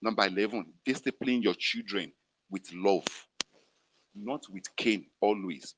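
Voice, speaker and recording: A man's voice: fairly low pitch, a little slow, background noise. A man with a Nigerian Yoruba-influenced accent preaching a sermon as pastor, repeating lines for emphasis and leading the men in call-and-response. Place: prayer room gathering, fed to an online audience.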